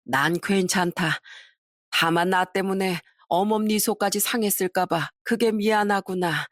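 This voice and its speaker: A woman voicing a weary, patient mother-in-law in her sixties who speaks softly and slowly. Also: mid-range voice, dry recording, clean studio sound, natural voice. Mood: resigned. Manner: soft, slow, resigned.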